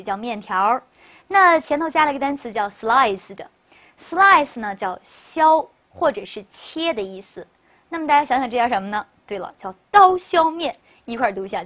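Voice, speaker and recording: A woman teaching a recorded lesson, brisk and chatty, leading repeat-after-me word drills and asking rhetorical questions. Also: on the high side, fairly bright tone. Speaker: English teacher. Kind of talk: recorded classroom lecture.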